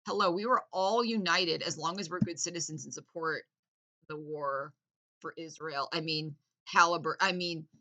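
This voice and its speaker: A woman's voice: sits low, normal speed, sharp tone. A woman delivering a sarcastic, mock-earnest political rant, sometimes laughing at her own irony. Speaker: satirical commentator.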